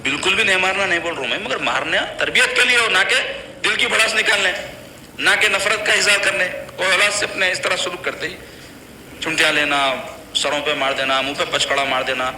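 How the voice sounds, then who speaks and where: Addressing a congregation about child upbringing, an Islamic preacher talks in a high, sharp-toned voice. He sounds earnest and admonishing yet keeps his phrasing plain and conversational; the recording has hall echo and faint noise.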